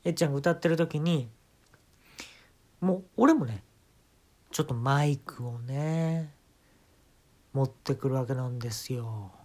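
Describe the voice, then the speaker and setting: A man's voice: mid-range voice, unhurried, long pauses, darkish tone. A man with a Kansai accent telling a comic story as a monologue, acting out sounds and quoted lines along the way. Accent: Kansai Japanese.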